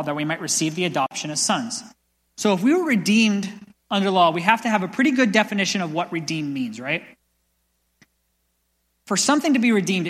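Bright-voiced young man preaching in a hall. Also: high-pitched. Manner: energetic, builds to loud passionate peaks. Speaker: pastor. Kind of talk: sermon. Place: church sanctuary. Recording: long church hall reverb.

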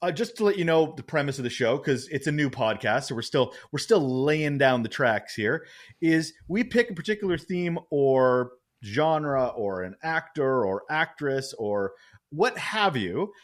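Male co-host, bright animated delivery, playful and loose, casual podcast chat. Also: a little high, measured pace. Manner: lively, jokey, rambling with restarts. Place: Vancouver Island.

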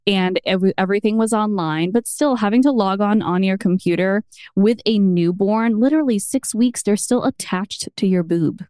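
A woman in her thirties, a podcast guest, telling her story in a chatty, animated way. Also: mid-range voice, normal speed, clean tone, dry recording, clean studio sound. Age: 30s. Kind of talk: casual conversational interview.

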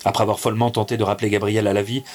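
A man narrating a classic tale in a measured, theatrical reading over music. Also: lowish voice, level tone, darkish tone.

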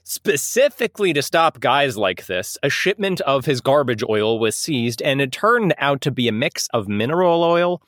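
Podcast host chatting, pitch moves around a lot, dry sound, laughs a bunch. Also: sing-song, normal speed, hardly any pauses, a bit bright, dry recording. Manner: laughs a lot, loose and rambling with fillers. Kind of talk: casual chat.

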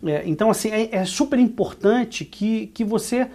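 Husky Brazilian man giving pep talk. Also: sits high, normal speed, warm tone. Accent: Brazilian Portuguese. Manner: earnest, motivational, many restarts and fillers. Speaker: podcast co-host, business owner. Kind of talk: casual podcast chat.

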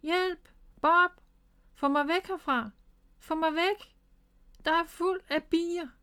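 A woman's voice: fairly high pitch, clean tone, natural voice. A woman reading aloud and voicing a small, playful young female animal who squeals and pleads like a child. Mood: panicked.

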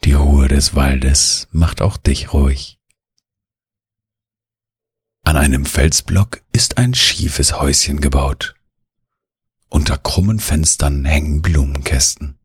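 A man slowly narrating a soothing bedtime relaxation story in the second person. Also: a bass voice, husky, dry recording, clean studio sound.

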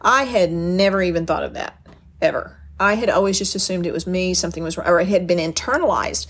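Earnest middle-aged woman teaching, lower voice. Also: a little fast, husky. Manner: earnest, explanatory, with frequent restarts. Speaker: speaker on parenting and boundaries. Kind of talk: teaching talk with personal stories.

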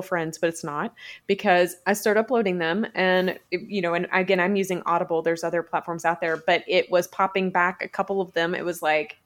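A woman hosts a podcast in a relaxed, chatty way. Her voice sits a little low for a woman, and it springs upward whenever she gets animated. She sounds expressive and conversational. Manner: animated, expressive, often leaps up in pitch. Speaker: podcast host. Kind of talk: casual podcast chat.

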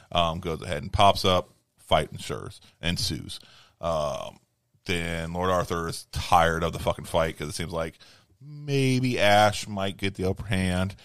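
A man's voice: sits low, a bit bright, no echo. A man co-hosting a podcast, casually retelling a film's plot with lots of swearing. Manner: profane, rambling plot retelling. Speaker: podcast co-host. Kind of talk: casual movie recap chat.

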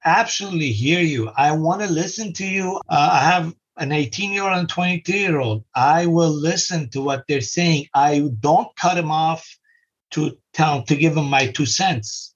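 On a muffled, lo-fi podcast recording, a middle-aged man from Lebanon sincerely shares life advice as a guest, going back over simple ideas again and again. He speaks unhurriedly in a slightly rough, a little high voice.

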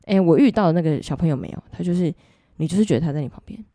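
A woman's voice: lowish voice, rapid-fire, warm tone, dry recording, studio quality. A young woman with a Taiwanese Mandarin accent hosts a podcast. She tells a ghost story in a casual, chatty way and speaks straight to her listeners. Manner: chatty, addresses listeners directly. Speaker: podcast host.

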